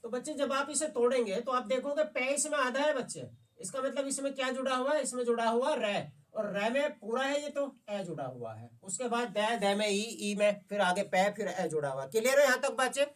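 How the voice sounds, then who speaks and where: A woman's voice: high-pitched, animated, a little fast, few pauses, far from the mic. A woman teaching a grammar lesson to children, patient and often stopping to ask whether her students have understood. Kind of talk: classroom lesson.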